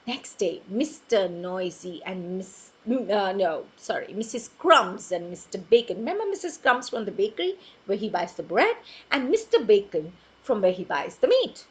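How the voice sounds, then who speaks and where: A woman telling a children's story, expressive and full of sound effects. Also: mid-range voice, moderate pace, husky, rough recording.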